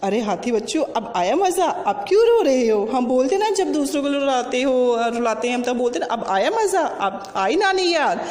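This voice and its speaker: A woman's voice: high voice, big pitch swings, moderate pace, few pauses, darkish tone, in a large hall. A woman voicing a tiny, cheeky female ant who talks in a taunting, defiant way.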